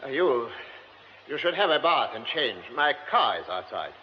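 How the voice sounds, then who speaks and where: A courteous but insistent rich gentleman, played by a male actor in a radio drama. He speaks formally and haltingly at a middling pitch. The sound is dull and faintly noisy. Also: very animated, close to an everyday voice. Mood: concerned, halting. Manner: halting, formal, repeating himself.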